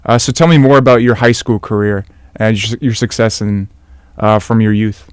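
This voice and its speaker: Young man hosting a relaxed podcast. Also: fairly low pitch, moderate pace, smooth, no room sound, studio quality. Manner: relaxed, filler-heavy questions. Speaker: podcast host. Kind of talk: casual interview.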